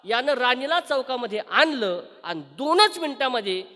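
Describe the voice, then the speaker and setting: A male kirtan preacher sings devotional verses and tells a story, often putting questions to his audience. His voice is very high and bright. He is heard live through a PA in a reverberant hall. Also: big pitch swings, moderate pace. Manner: rhetorical, quizzing the audience.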